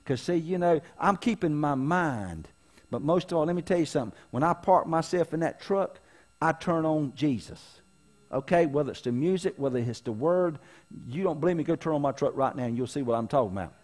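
A male pastor preaching to his church in a homespun, folksy way. His voice sits a little high for a man, and he keeps pressing the congregation with calls to listen. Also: animated, fairly quick, darkish tone. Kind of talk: sermon.

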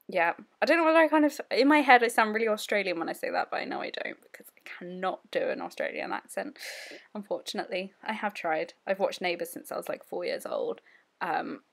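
A woman's voice: medium pitch, fairly bright tone. Giggly, rambling young woman. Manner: rambling and giggly, with many fillers. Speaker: scrapbooking vlogger. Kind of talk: casual voice-over narration.

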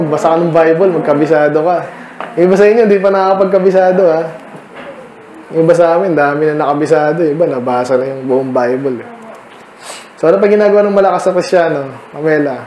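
A man's voice: fairly high pitch, fast talker, warm tone, roomy sound, dull audio, a little hiss or hum. A male pastor with a Filipino accent leading a midweek Bible study, talking in a conversational way and calling on listeners by name to answer. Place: church meeting room.

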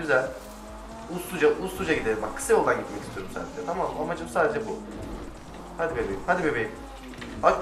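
A man giving casual let's-play commentary, excitable, swearing and shouting at the game. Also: a little high. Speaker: gamer. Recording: roomy, distant mic with faint music.

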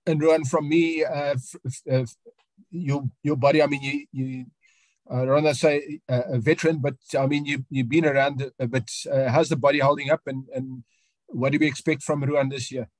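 Halting man, dry sound. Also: mid-range voice, steady tone, dry recording, rough recording. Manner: halting, searching for words. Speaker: journalist. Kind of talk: asking questions at an online press conference. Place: remote video call.

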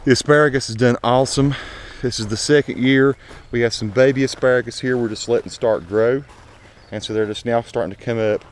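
A man talks fairly quickly in a mid-range voice with fairly even intonation. Walking outdoors, he gives an informal, folksy, unscripted tour of his home garden as casual vlog narration. The recording comes from an action camera mic and carries slight background noise.

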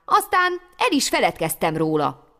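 A woman voicing an eager, worried young wandering lad in a folk tale, with excited, raised exclamations. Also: fairly low pitch, exaggerated voice. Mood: eager, alarmed. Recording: long hall reverb.

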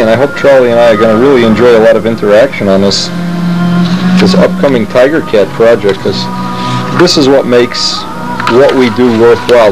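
A man's voice: mid-range voice, poor audio. A man casually narrating as he shows model aircraft plans to the camera, enthusiastic and thinking aloud. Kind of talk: casual show-and-tell narration.

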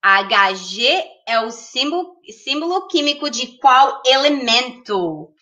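A woman's voice: high voice, animated, takes it slowly, sharp tone. A woman hosting a casual livestream, chatting and laughing as she reads viewer comments aloud. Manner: giggly, laughs often. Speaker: livestream host.

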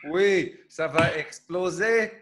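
Male host, unhurried, stumbling fillers in a loose conversation. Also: sits high, crowd noise. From Ireland. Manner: hesitant, halting French with many fillers. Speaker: podcast host. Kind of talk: casual chat.

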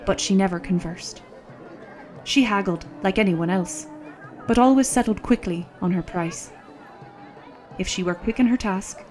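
A woman reading a historical novel aloud as an audiobook narrator, in a measured, calm storytelling manner. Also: medium pitch. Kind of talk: scripted narration.

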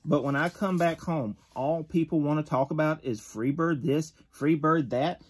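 In a bedroom lined with shelves of collectibles, a man in his thirties reads a wrestling magazine interview aloud, sounding gruff and tough and stumbling now and then. His pitch is fairly high and his pace moderate. A phone camera records him at close range.

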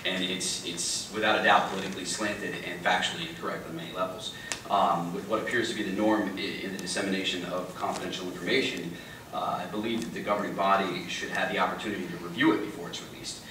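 A man's voice: deep voice, little pitch movement, fast talker. A middle-aged man, a council member, speaking insistently and with frustration at a public meeting. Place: large meeting room indoors. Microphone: table microphone. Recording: echoey room, distant mic, background noise.

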